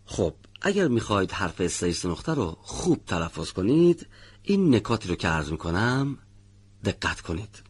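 Husky male recitation teacher, lively pitch. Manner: slow, deliberate drawn-out model readings. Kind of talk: radio lesson on letter pronunciation.

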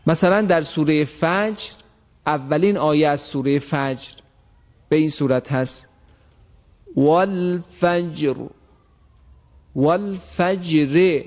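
A man teaching a recitation lesson, explaining the rules and repeating example words slowly and drawn out. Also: fairly high pitch, fairly even intonation, long reverb tail.

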